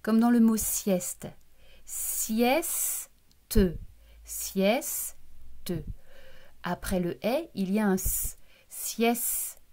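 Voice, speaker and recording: A woman's voice: medium pitch, normal speed, few pauses, warm tone. A woman teacher giving a recorded lesson to young children, patiently breaking words into syllables and speaking to the child directly. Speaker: primary school teacher.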